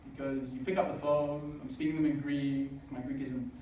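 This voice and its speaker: Warm in tone and level in delivery, a man in his twenties speaks fairly quickly at medium pitch during a motivational speech at a student business event. He's earnest, though "uh" crops up often. The recording is from a distance in a noisy, echoey hall.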